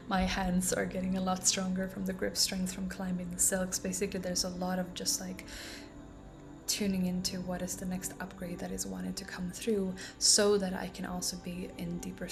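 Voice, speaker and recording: A woman talking casually in a promotional vlog as a breathwork guide, unhurried and meandering with thoughtful pauses, her voice turning breathy at phrase ends. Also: lowish voice.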